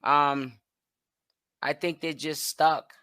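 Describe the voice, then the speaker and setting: Chatty woman with a bright voice. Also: low-pitched, steady tone, very slow, no echo. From Boston, Massachusetts. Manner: chatty, reads comments aloud, trails off and restarts. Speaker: host of a livestream commentary channel. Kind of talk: casual chat reading viewer comments.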